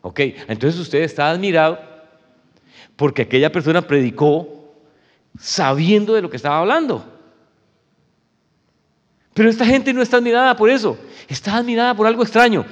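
A man's voice: sits high, animated, normal speed, pauses often, big-room sound, lo-fi sound. A male pastor preaching a sermon in an emphatic, conversational way, often calling his listeners "brother".

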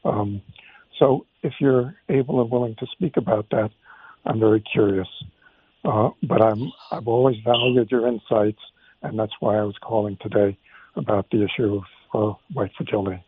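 A man calls in to a radio show. His voice comes through a muffled, bass-only phone line that sounds tinny and thin. The voice is a little husky and pitched somewhat low, and he talks in a polite, measured way. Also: fairly even intonation, no echo. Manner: polite, measured, careful phrasing. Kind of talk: call-in conversation.

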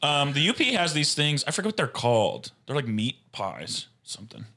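A young man from Michigan co-hosting a casual podcast chat, joking in a deadpan way and swearing casually. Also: a little high, normal speed. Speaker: podcast co-host.

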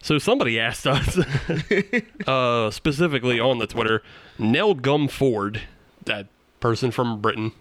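A jokey man co-hosts a casual podcast and often breaks into laughter. His voice sits at a middle pitch. The recording is dry and close. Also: animated, unhurried, a bit bright, dry recording. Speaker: podcast co-host. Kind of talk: casual chat.

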